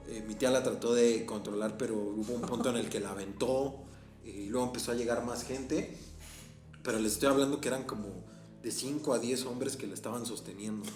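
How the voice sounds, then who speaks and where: A man with a Mexican accent, a teacher on a podcast telling a personal story in a casual, animated way and laughing often. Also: medium pitch. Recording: echoey room, faint music.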